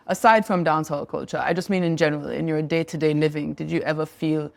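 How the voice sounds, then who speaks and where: A woman's voice: deep voice, steady tone, fast talker, creaky. A woman hosting an interview, asking questions and answering often with short, supportive acknowledgments. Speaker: host and interviewer.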